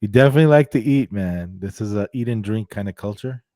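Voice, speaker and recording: A middle-aged man from Armenia hosting a relaxed chat over a video call, talking casually with lots of fillers and restarts into a close studio mic. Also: on the low side, fast talker, no room sound. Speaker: podcast host interviewing a photographer. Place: indoor room with leather couch, on a video call. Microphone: studio microphone close to the mouth.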